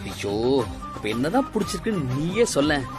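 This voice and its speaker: An actor playing a playful, teasing young schoolteacher in a TV serial. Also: male voice, fairly high pitch, big pitch swings, brisk. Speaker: husband-to-be, teacher. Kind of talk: TV serial acting. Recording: music under dialogue.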